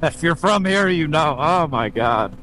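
Laid-back rider. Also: male voice, a little high, lively intonation, measured pace, bright, forceful tone, poor audio. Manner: laid-back, swearing, chatty. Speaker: motovlogger. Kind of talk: casual ride commentary. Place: on a motorcycle on a highway. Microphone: helmet mic. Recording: wind and engine noise behind.

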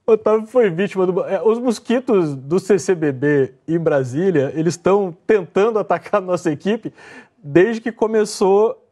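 Brazilian male news anchor, middle-aged, high voice, halting amused delivery, live and conversational. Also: dark tone. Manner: amused, halting, struggling not to laugh. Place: TV newsroom studio. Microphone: lapel.

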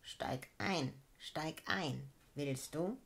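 A woman's voice: low-pitched, creaky, a bit bright, pitched below the performer's own voice, heavily acted. A woman doing a growling golden beetle. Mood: coaxing. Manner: growling, slow. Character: big golden beetle, gruff but friendly male.

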